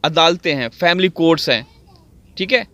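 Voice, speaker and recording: A man from Pakistan talks in a high, bright voice with a dry, close sound. His commentary is sarcastic and theatrical, and he keeps turning to his viewers to address them directly. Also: expressive, moderate pace, dry recording. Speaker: video commentator. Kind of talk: mocking commentary. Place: outdoors on wet farmland.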